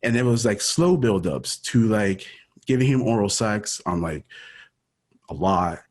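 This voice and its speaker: A man in his thirties, born in Ecuador and raised in Miami, shares a personal story as an interview guest, casual and constantly saying "dude" and "like." His voice is fairly low, darkish and animated, moving a little slowly.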